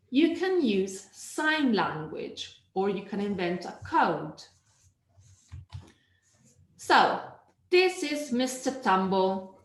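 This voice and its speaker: A woman teacher trainer giving an online teaching webinar, lively and demonstrative, sometimes singing or humming examples. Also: a little high, echoey room, poor audio.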